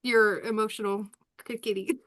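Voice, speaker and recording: A woman's voice: mid-range voice, fairly even intonation, normal speed, fairly bright tone. Woman doing a live reading, rambly and open, lots of laughing. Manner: rambling and candid, laughs often. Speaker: spiritual reader hosting a live session. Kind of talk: casual live reading chat.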